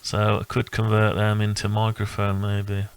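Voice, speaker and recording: Here a male hobbyist talks through an electronics project he built himself, casually and without a script. He sounds low and fry-heavy with very even intonation, rambling and halting as he thinks out loud.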